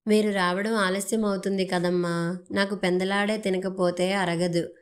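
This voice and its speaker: Woman reading an old, weary father for an audio story, faint and gentle. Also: medium pitch, little pitch movement, moderate pace, close to an everyday voice. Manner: faint, tired delivery.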